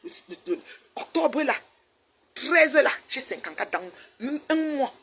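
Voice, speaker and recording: A woman's voice: high voice, a little slow, breathy edge. A woman in her fifties giving a casual, scolding rant, often repeating herself. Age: 50s. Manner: animated, repetitive, scolding. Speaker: online commentator. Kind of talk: casual ranting commentary.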